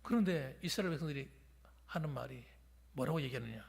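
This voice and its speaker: A man's voice: mid-range voice, fast talker, creaky, husky, in a large hall. A pastor preaching a sermon in a church, emphatic and urging his congregation. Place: church sanctuary during a weekday service.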